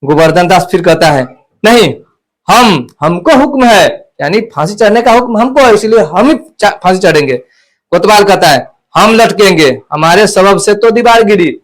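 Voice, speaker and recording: Brief: male teacher, high voice, explanatory lesson narration. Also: animated, moderate pace, poor audio. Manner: explanatory, repeats lines to clarify. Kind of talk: retelling and explaining a textbook play.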